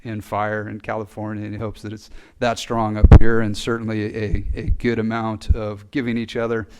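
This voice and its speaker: A man speaking at a fire recruit graduation ceremony, earnest and a little halting, with fillers. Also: on the low side, monotone, smooth, low-quality recording. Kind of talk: ceremony speech. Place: ceremony hall. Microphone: podium mic.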